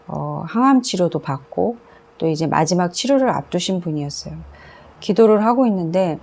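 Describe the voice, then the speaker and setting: Woman preacher, low-ish voice, chatty sermon testimony, repeats herself. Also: a little mellow. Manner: conversational storytelling with frequent fillers and repetition.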